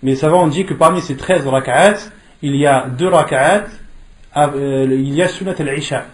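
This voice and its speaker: A male religious teacher with a somewhat high voice speaks at a normal pace, leading an interactive lesson. He poses didactic questions and repeats key phrases for emphasis, recorded in an echoey room.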